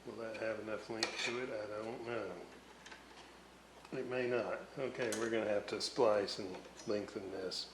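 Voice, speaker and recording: Working in an indoor workshop, a radio repair hobbyist and video host casually talks through his repairs, unscripted, thinking aloud as he works. His voice sits on the low side, unhurried, with fairly even intonation. There's a roomy echo and noticeable background noise.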